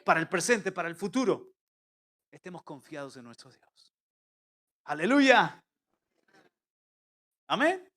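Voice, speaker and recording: A man delivers a sermon as pastor, his voice sitting high in pitch. He shifts from loud, emphatic calls to quiet, intimate asides as he preaches to a church. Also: big pitch swings, unhurried, long pauses.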